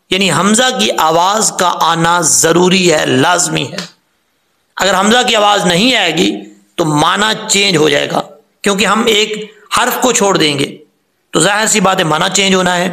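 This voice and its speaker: A Quran recitation teacher gives a step-by-step tajweed lesson, pausing to stretch out example words slowly. His voice is high and bright with a gravelly edge, and the room echoes noticeably.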